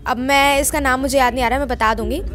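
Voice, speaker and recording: A woman's voice: high-pitched, fairly even intonation, fast talker, a bit bright. A young woman vlogger narrating her video in a chatty, casual way, mixing in English words. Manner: chatty, mixes Hindi with English words, many fillers.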